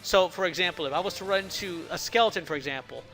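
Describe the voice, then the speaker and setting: A man gives a casual, explanatory devlog in a bright, slightly high voice. His words are a bit slurred, as if around a swollen lip, and he occasionally stumbles. Music plays behind him. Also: fast, rough recording. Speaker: indie game developer narrating a devlog.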